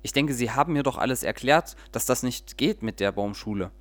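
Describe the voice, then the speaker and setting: A man's voice: mid-range voice, lively intonation, a little fast, fairly bright tone, no room sound, lightly acted. Earnest fussy plum grower, read by a man, storybook figure, dry close sound. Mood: puzzled.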